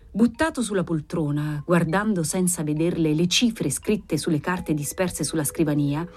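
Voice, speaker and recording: A woman narrating a classic novel as an audiobook, in a measured, expressive reading. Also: lowish voice. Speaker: audiobook reader.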